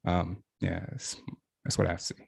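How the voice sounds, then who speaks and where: Hesitant low-voiced man, dry sound. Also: level tone, unhurried, creaky, breathy edge, no echo. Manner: searching for words, hesitant. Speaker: panelist. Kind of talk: panel discussion talk.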